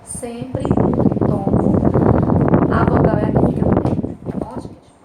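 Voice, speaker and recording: A woman's voice: on the high side, fairly even intonation. Brazilian woman teacher, patient, echoey room. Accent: Brazilian Portuguese. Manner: patient, checks in with tag questions, spells out syllables slowly. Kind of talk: remote class lesson, explaining grammar exercises. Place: home room, recorded for a remote class. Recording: roomy, distant home recording with loud background noise.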